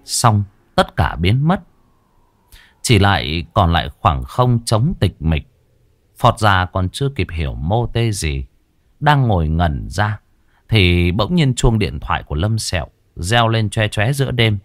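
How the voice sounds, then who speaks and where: A man narrating a ghost story in a lively, dramatic way. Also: fairly low pitch, unhurried, dry recording, clean studio sound.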